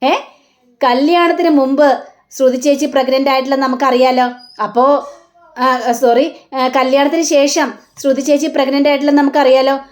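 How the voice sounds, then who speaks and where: A woman's voice: sits high, fairly even intonation, normal speed, long pauses, close to an everyday voice. A woman voicing a scheming young woman who needles the family with pointed questions. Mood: needling. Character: mocking young woman stirring trouble.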